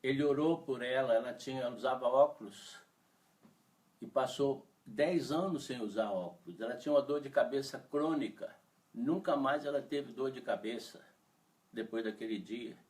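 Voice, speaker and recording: A pastor from Brazil preaching a testimony, his voice rising and falling with emotion as he acts out the people in his story. He is heard from some way off the microphone, at a middling pitch, in a church setting. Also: moderate pace, darkish tone. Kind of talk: sermon testimony. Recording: voice from far off the mic.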